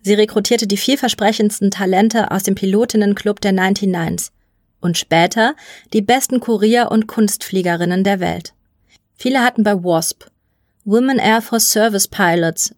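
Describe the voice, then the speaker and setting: A woman reading a science fiction short story aloud in an even, measured narration. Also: mid-range voice, dry recording, studio quality. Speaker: story reader.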